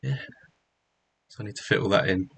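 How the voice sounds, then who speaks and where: Gravelly low-voiced man rambling on a stream. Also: a bit bright. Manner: rambling, halting, lots of "like" fillers. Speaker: streamer walking through a hacking challenge. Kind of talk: casual livestream commentary.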